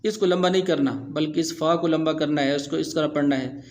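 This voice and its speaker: A man teaching Quran recitation rules step by step, explaining plainly and then slowly chanting the example verses. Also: fairly high pitch, fairly even intonation, a little mellow. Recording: dull, muffled audio.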